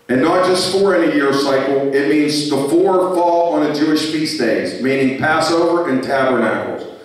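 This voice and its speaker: High-voiced male preacher in an echoey hall. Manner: preaching with rising fervor, reading scripture aloud. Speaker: pastor. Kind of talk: sermon. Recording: echoey church hall from far off.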